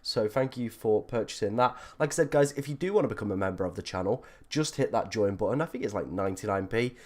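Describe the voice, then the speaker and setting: A male livestream host talks in a chatty, informal way. His voice is croaky and froggy, as he is ill and under the weather. He is self-deprecating as he addresses his viewers. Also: lowish voice, animated, fast. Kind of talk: casual livestream chat.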